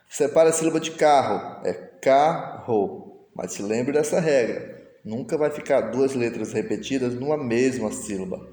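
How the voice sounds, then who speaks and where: A male teacher with a medium-pitched, dark voice patiently walks through a recorded online lesson step by step, voicing his students' questions himself. The room is echoey with long reverb.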